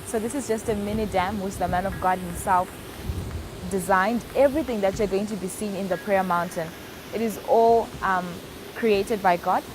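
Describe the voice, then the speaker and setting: A woman's voice: medium pitch, fairly even intonation, normal speed, background noise. Woman narrating a reverent site tour. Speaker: guide narrating a tour of a church prayer site. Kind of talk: documentary narration. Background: music.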